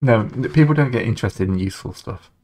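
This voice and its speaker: A man running a tabletop role-playing game, talking in a relaxed, hesitant way. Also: fairly low pitch, quick pace, a little hiss or hum. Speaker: game master.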